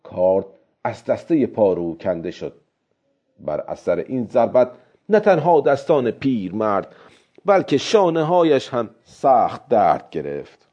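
A man narrating a story in a steady, measured reading voice. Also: medium pitch. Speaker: audiobook narrator. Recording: dull lo-fi recording.

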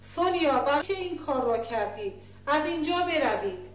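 A stern older woman guardian with a harsh edge, scolding and commanding, voiced by a woman reading aloud. The voice sits high for a woman. The recording is roomy and a little dull. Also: lively intonation.

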